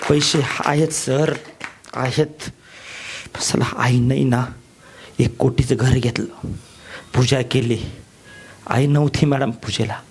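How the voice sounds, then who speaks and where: A middle-aged man giving an emotional motivational speech, shouting and repeating rallying cries to his audience. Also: mid-range voice, steady tone, takes it slowly, pauses often, a faint crowd, slight background noise. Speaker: motivational speaker.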